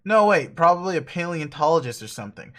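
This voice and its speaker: A man's voice: on the high side, big pitch swings, quick pace, a bit bright. A man voicing a cool, ironic teenage boy who swears a lot and rambles, in a dramatic reading of a webcomic. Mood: grumbling. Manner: profane, rambling, laughs a lot.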